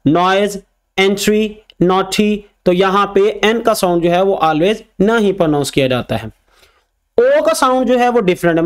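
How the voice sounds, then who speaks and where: Male phonics teacher, high voice, patient and slow, repeats example words. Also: smooth. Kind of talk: spoken English lesson.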